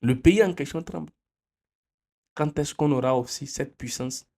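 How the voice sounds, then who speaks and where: A man's voice: on the high side, normal speed, vocal fry, mellow. A man from Benin, giving an impassioned political commentary full of repeated phrases and rhetorical questions. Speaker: video commentator.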